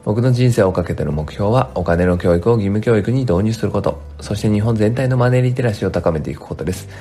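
A man's voice: fairly low pitch, fast, mellow. A male tax accountant hosting his own podcast from his home work room, talking in a chatty, rambling way with lots of fillers, his voice dry and strained in the morning. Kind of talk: casual solo podcast talk. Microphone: home studio mic.

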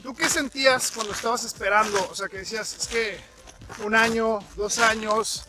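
A man's voice: sits high, steady tone, moderate pace, music in the background. A man hosting a podcast, chatting casually with many fillers and restarts while walking outdoors in the snow. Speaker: podcast host. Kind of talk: casual interview chat. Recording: outdoor recording with crunching snow noise.

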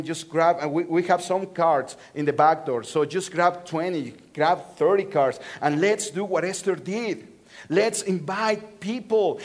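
A male pastor from Mexico City with a Mexican Spanish accent, preaching a sermon with call-and-response and repeated phrases. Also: high-pitched. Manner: call-and-response, repeating phrases with swings between loud and soft. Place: church.

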